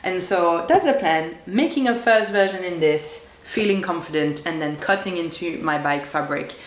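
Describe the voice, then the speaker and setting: A young woman with a head cold talks casually to camera from her sewing room, her voice low-pitched, croaky and hoarse. She rambles chattily with plenty of fillers, and the room gives her voice a noticeable echo. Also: normal speed. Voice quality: deep, croaky voice. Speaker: sewing vlogger.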